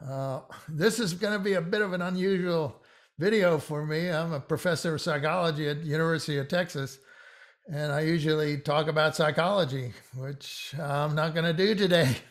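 An older man from Hungary, a psychology professor, giving a casual pronunciation lesson to camera from a home office, with small laughs and frequent filler words. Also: fairly high pitch. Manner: chatty, with small laughs and filler "uh"s, slows down to spell out names. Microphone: boom shotgun mic beside him.

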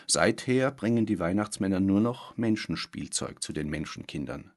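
Ein Hörbuchsprecher, der einen müden, sanften alten Weihnachtsmann spricht, ruhig und traurig erzählend. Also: male voice, low voice, moderate pace. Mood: somber. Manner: calm, sorrowful storytelling. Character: weary old Santa Claus, gentle.

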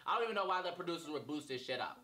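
A man's voice: a little high, lively intonation, rapid-fire, pushed and bright. A young man playing a cocky, foul-mouthed Mario as a boastful reality-show star in a comedy skit. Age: young adult. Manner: boastful, swearing.

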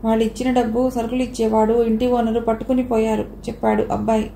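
A woman narrating an audio novel in calm, steady scripted storytelling. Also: fairly high pitch, fast talker, gravelly. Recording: roomy echo, faint background hiss.

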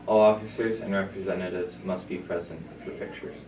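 A man with a very low voice reads school announcements in a steady, plain manner. He is heard through a loudspeaker that sounds far off, with a roomy echo around the words. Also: brisk, a little hiss or hum. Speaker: student announcer. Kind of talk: reading morning school announcements.

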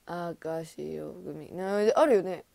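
A young woman in her twenties hosting a casual livestream, chatting with viewers, laughing often and breaking into loud excited bursts. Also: low voice, extremely slow, creaky, no echo. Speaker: idol livestream host. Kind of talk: casual livestream chat reading comments.

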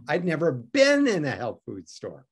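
A man's voice: on the high side, slow pace, breathy edge. A man from Detroit telling a personal story as an interview guest, wry and self-mocking, acting out the other people in it. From Detroit, United States. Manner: animated, wry and self-mocking, acts out voices in his story.

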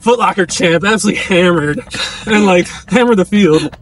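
Casual male interviewer, fairly high voice, jogging. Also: brisk. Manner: talking while jogging, informal. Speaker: interviewer, host. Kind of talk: casual interview while running. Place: outdoors on a dirt country road, on the move.

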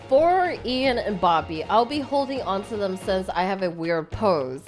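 A woman's voice: medium pitch, lively intonation, unhurried, soft background music, lightly acted. A woman voicing a playful young woman who teases a friend in a fan voice-over of chat messages, laughing often. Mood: chatty.

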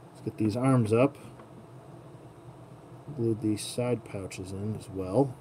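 Slow and lowish in voice, this hobby host demonstrates toy work in a laid-back tutorial, quietly talking to himself as his hands stay busy. He's at an indoor tabletop setup, with obvious noisy room ambience.

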